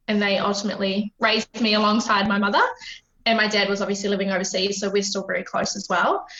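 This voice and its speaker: A woman in her late twenties with a New Zealand accent talks casually as a podcast guest, peppering her sentences with ums. Her voice is bright and forward, though the line sounds roomy and somewhat muffled. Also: fairly high pitch. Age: 20s. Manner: chatty, frequent ums, laughs easily. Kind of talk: casual interview chat. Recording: roomy, dull lo-fi remote line.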